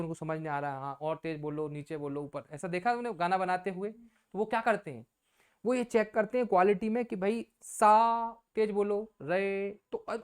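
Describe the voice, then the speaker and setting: A woman teacher delivers an exam coaching lecture at a medium pitch. She explains things casually using everyday examples, posing questions to the class and then answering them herself.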